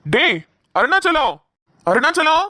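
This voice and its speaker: A woman voicing a furious, hot-tempered middle-aged father in a cartoon, shouting bitterly. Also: high voice, big pitch swings, measured pace, heavy background noise, pitched above the performer's own voice. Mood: angry. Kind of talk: cartoon voice acting.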